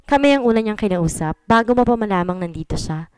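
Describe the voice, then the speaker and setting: A woman's voice: mid-range voice, animated, quick pace, a little mellow, smooth, no room sound, natural voice. A woman voicing a jovial young husband who jokes casually with his friends in a storybook reading. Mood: joking. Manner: joking, casual banter.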